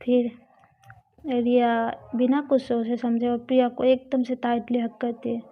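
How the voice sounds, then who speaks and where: A woman narrating a love story in a plain, unhurried telling. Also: a little high, level tone. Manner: slow, plain retelling. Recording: dull lo-fi recording.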